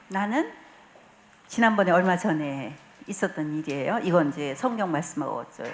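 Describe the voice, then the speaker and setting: A woman leading a spiritual retreat, telling stories in a warm, chatty way with frequent fillers and occasional laughter. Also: on the low side, animated, moderate pace, slight background noise. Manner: warm storytelling, acts out quoted dialogue, frequent fillers; laughs often while speaking. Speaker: lay mission president leading a retreat talk.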